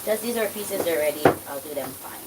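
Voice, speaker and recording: Born in Dominica and raised in Trinidad and Tobago, a woman with a Trinidadian accent chats and rambles casually while cooking in her home kitchen for her channel. Her low voice has lively intonation and moves a little fast. She is far from the mic, with loud kitchen noise and food sizzling as it fries.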